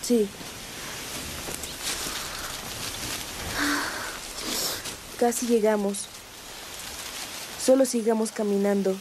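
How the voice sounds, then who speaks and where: An actress playing a scared young survivor in found-footage horror, giving short, repeated reassurances. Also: female voice, a little high, steady tone, measured pace, background noise, close to an everyday voice. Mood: weary, hopeful.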